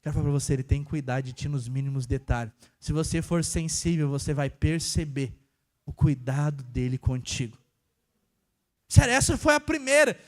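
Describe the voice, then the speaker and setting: A young man from preaching a casual sermon, telling a personal story and swinging between hushed and emphatic delivery. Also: fairly high pitch, lively intonation, moderate pace. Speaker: church worker preaching.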